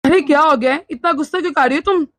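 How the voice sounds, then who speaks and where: A placid, easygoing cartoon father-in-law, played by a woman who dodges family fights with wry remarks. The voice is pitched high for a man, and the sound is close and dry. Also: very fast, a bit bright, dry recording. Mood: placating. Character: easygoing middle-aged father-in-law, avoids taking sides. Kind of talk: animated cartoon dialogue.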